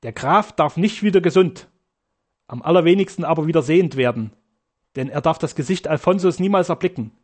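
A cunning notary, voiced by a male reader speaks with firm, deliberate calculation. His tone is conspiratorial and steady. It sits a little above the reader's plain voice. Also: on the high side, natural voice. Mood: scheming. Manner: measured, conspiratorial.

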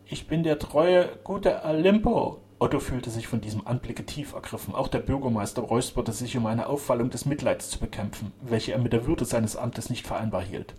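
A man narrates a serialized adventure novel in a steady, measured voice. His pitch sits in an ordinary middle range. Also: slight background noise. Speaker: audiobook reader.

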